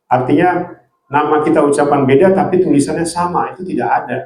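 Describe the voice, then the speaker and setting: Preacher guy, kinda high voice, earnest teaching tone, echoey room. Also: fairly quick, a little mellow. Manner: earnest teaching with many filler "ya" tags. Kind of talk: sermon.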